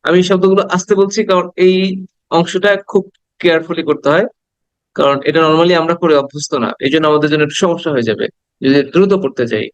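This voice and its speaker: A man teaching English pronunciation to children in a slow, patient classroom style, repeating each sound many times. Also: a little high, no room sound. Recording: dull lo-fi recording, dry.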